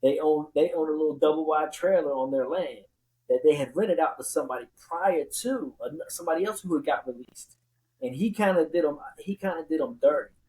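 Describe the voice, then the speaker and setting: A man's voice: on the high side, brisk, darkish tone, poor audio. A man telling his own story in casual conversation as a podcast host, repeating words for emphasis.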